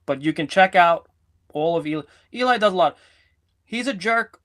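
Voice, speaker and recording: A man co-hosting a sports betting podcast, talking in a loose, rambling way. He jokes and teases his co-host in casual banter, and his voice sits a little high for a man. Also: expressive, moderate pace, a bit bright.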